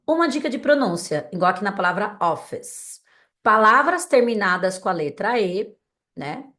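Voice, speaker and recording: A Brazilian woman teaching an online English class in Portuguese, drilling vocabulary slowly and checking in with her students often. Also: mid-range voice, animated, pushed and bright. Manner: drills words slowly and clearly, with frequent "tá?" checks. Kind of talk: recorded online lesson, casual and direct.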